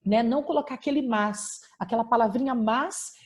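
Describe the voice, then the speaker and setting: A woman's voice: fairly high pitch, brisk. A woman pastor with a Brazilian Portuguese accent, preaching and giving a personal testimony over a video call, emphatic, with frequent tag questions.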